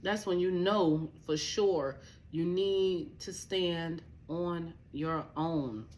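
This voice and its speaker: A woman's voice: on the low side, drawn-out words, darkish tone, slight background noise. A young woman vlogging a candid personal rant to camera, blunt and profane, telling her story emphatically. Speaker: vlogger, spiritual advisor.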